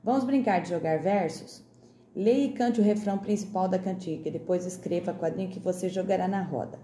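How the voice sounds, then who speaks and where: A woman teaching young children remotely, with a Brazilian Portuguese accent, slowly sounding out each word. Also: on the low side, dark tone, reverberant, a little hiss or hum. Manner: slow, over-articulated sounding out of words for children. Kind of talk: remote classroom lesson.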